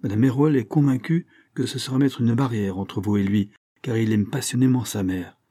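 Brief: a man doing an elderly English solicitor, dry and cutting, measured replies, mellow husky tone. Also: lowish voice, no echo. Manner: curt, cold and measured. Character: dry, cutting old English family lawyer.

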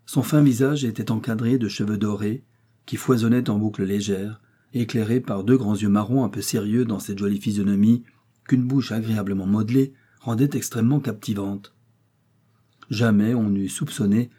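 A man narrating a novel as an audiobook in measured, even storytelling. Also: on the low side, slightly rough.

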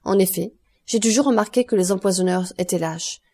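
A woman reading the part of a cold, stern male magistrate who accuses with measured contempt in an audiobook. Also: medium pitch, steady tone, dark tone, close to an everyday voice. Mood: contemptuous.

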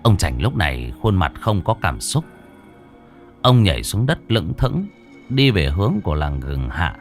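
A man's voice: sits low, sing-song, a little slow, faint music behind. A man narrating a horror story in a vivid, theatrical, gory way.

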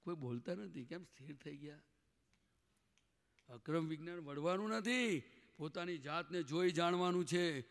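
A man with a slightly raised pitch delivers a spiritual sermon, repeatedly quizzing his listeners and urging them to reply. His voice carries a long reverb, as if from a big hall. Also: a bit bright. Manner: questions the audience and prods them to answer. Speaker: spiritual teacher. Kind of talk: satsang sermon to a gathering.

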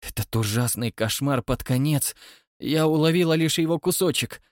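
Audiobook: male reader playing a trembling young wife, high, breathless voice. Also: normal speed, dry recording, clean studio sound, natural voice. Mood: frightened.

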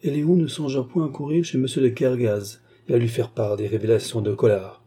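A male audiobook narrator reads a novel in a measured, steady manner. His voice is very dark and husky, and he keeps an even, unhurried flow. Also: mid-range voice.

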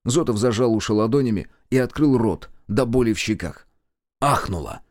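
Lively male audiobook narrator. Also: medium pitch, normal speed, no echo, studio quality. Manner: expressive, lively reading.

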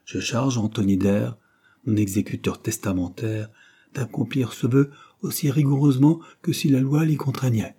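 A man's voice: mid-range voice, normal speed, warm tone, slightly rough, pitched above the performer's own voice. A man voicing a dying old man who gives solemn, urgent orders from his deathbed, in an audiobook reading.

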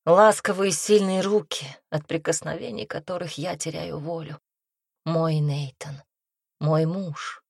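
A woman narrating a first-person audiobook in an intimate, expressive manner, close to the mic. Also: low voice, measured pace, creaky, slightly rough, no echo.

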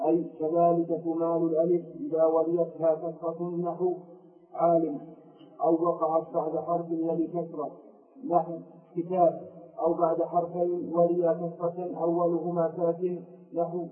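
A man reads grammar verse and its commentary aloud in a very flat monotone, a little high-pitched. He sounds far from the mic in an echoey room, and the recording is thin and phone-like. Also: normal speed. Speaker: student reading the text aloud. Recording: distant, echoey, phone-like audio.

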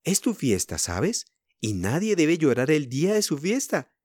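A man doing a gentle, raised-pitch mother. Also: big pitch swings, unhurried, husky, dry recording, studio quality, full character voice. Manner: soothing, firm.

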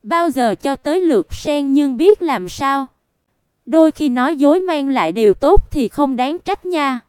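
A woman's voice: high-pitched, animated, darkish tone, no room sound, studio quality. A woman reading a story aloud as an audiobook narrator, voicing the characters' dialogue in turn. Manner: reads unhurried, voices characters' dialogue in turn.

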